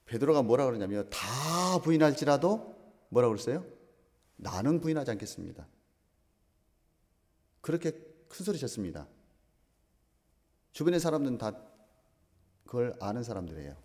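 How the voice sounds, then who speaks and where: Man, pastor, sermon, emphatic questioning, mellow voice, echoing church hall. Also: medium pitch, very animated. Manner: asks the congregation questions, slow emphatic phrasing. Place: church sanctuary. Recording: long reverb of a church hall.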